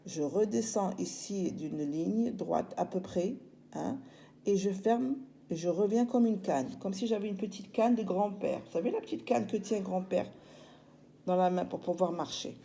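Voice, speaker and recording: A woman teaches children handwriting, talking them slowly through each stroke. Her voice is mellow and unhurried. A faint background noise sits under the recording. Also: mid-range voice, vocal fry. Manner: slow, patient, step-by-step explaining. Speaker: primary school teacher.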